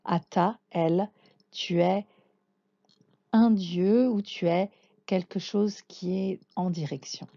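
A woman's voice: lowish voice, fairly even intonation, slow pace, long pauses, warm tone, no room sound, highs cut off. A woman teaching a language lesson, patiently naming and sounding out letters one by one. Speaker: Hebrew teacher. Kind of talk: slow spoken lesson.

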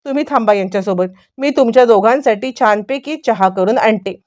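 Polite young daughter-in-law, soothing and soft-spoken, pitched up, played by a woman narrator. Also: a little fast, close to an everyday voice.

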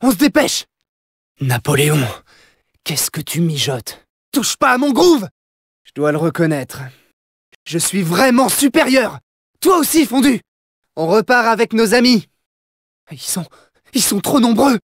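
A man's voice: sits high, sing-song, unhurried, long pauses, no room sound, studio quality, full character voice. An actor playing a plucky young male phantom thief in a French video game dub, cocky yet loyal, with a theatrical, showy delivery. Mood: upbeat, cocky, then tense, hushed. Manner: theatrical, showy, punchy catchphrases.

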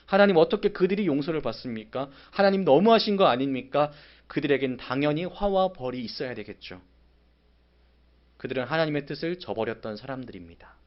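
A man preaching a sermon as pastor, acting out a prophet's angry, sarcastic complaints in sudden loud bursts. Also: mid-range voice, highs cut off. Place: church sanctuary.

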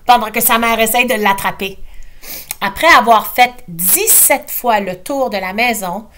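A woman's voice: fairly high pitch, a little slow, fairly bright tone. A woman teacher with a Quebec French accent, reading a picture book aloud expressively and drawing out repeated phrases.

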